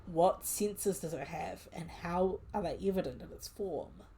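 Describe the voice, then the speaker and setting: Low-voiced woman musing at a solo game. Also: a little slow, mellow. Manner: musing aloud, rambling with many fillers; reads lists of prompts aloud. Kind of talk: live-streamed solo tabletop game.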